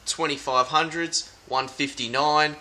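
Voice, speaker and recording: A young Australian man co-hosting a fishing report in a tackle shop, calling out local catches and specials in a brisk promotional way. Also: a little high, steady tone, sharp tone. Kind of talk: casual product and fishing report. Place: inside a large tackle shop. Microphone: camera at close range.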